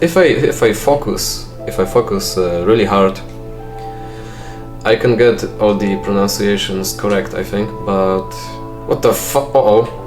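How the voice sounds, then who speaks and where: A young man from Poland with a voice on the low side records let's play commentary in English, his second language, with a Polish accent. He's dry and self-deprecating, thinking aloud with plenty of fillers.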